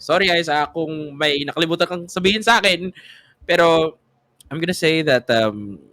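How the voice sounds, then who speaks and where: A man's voice: fairly high pitch, moderate pace, sharp tone, no room sound. A man with a Filipino accent narrating a tabletop game as game master, casual and improvising. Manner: casual, improvising, mixes in slang.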